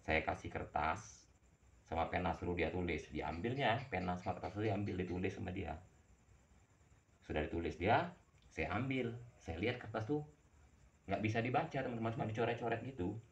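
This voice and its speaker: A man's voice: low voice, a little fast, vocal fry, muffled recording. A man telling a first-person horror story in a casual way, talking straight to his listeners as friends and often repeating words as he goes.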